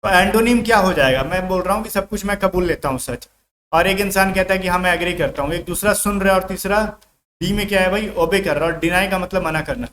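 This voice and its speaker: A man with a high voice gives a casual exam-prep English lesson. He keeps asking questions back at the listener and acts out little everyday scenes to explain words. The room echoes, and a faint hiss runs underneath. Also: fast, fairly bright tone. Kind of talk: casual classroom-style lecture.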